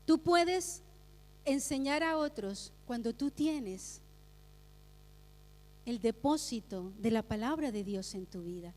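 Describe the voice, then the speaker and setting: A long reverb from the church sanctuary follows a woman pastor's high, somewhat mellow voice as she gives her Sunday sermon. Blending teaching with stories from her own life, she repeats important phrases to drive them home.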